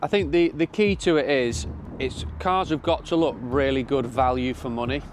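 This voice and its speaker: A man's voice: medium pitch, moderate pace. British man vlogging casually over car noise. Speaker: car dealer and video host. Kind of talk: casual unscripted vlog commentary. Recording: clear background noise from cars and outdoors.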